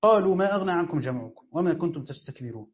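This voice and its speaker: A man's voice: a little high, animated, very fast. A man with an Egyptian accent teaching a classroom lesson on Quran exegesis, quizzing listeners and then answering his own questions. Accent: Egyptian Arabic. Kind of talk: classroom lesson, explaining grammar. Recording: dull lo-fi recording.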